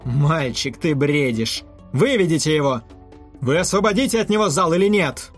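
A man voicing a nervous, scheming male villain who shouts orders at guards. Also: expressive, normal speed, soft background music. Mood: shrill commanding. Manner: shrill, commanding shouting.

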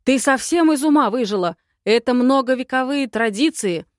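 A woman voicing a grumpy, stubborn old male court elder who shouts and blusters in an audiobook. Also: mid-range voice, normal speed, no echo, studio quality, lightly acted. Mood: blustering.

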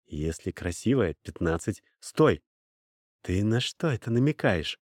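A man voicing a young trader's son, a smooth but quick-tempered talker. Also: fairly low pitch, sing-song, darkish tone, no room sound, studio quality. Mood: pleading.

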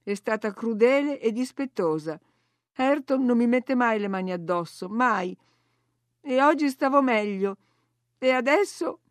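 Brief: woman reading as a spiteful, sickly teen boy, raised pitch, whiny sing-song jeer, dry studio sound. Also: expressive, moderate pace, no room sound, close to an everyday voice. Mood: plaintive. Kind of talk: audiobook reading.

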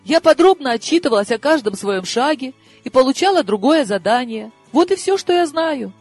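A woman voicing a frightened, naive young woman held captive, squeaking and whimpering her answers. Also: expressive, moderate pace, darkish tone, soft background music. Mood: pleading.

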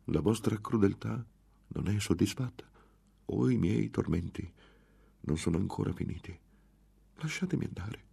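A man's voice: lowish voice, expressive, moderate pace, creaky, pauses often, mellow, slightly rough, voice pushed up, heavily acted. A man voicing a terrified young woman who pleads timidly to be let go. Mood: pleading.

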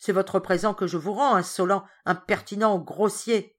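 A woman's voice: fairly low pitch, very animated, normal speed, slightly rough. A woman voicing an angry, spoiled schoolboy who speaks indignantly, in a storybook reading. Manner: shouts indignantly.

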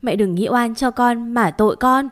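A young daughter-in-law falsely accused, pleading her innocence in a choked, tearful voice, as a woman narrator speaks her part. Her voice lifts higher and louder than the narration. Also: moderate pace, natural voice.

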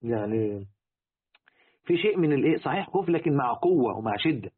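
A man with an Egyptian accent teaches a lesson on word meanings, talking quickly in a fairly high voice. He keeps asking his listeners rhetorical questions and repeating key words. The recording is thin and tinny, like a phone line. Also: lively intonation, breathy edge. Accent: Egyptian Arabic. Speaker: religious teacher.

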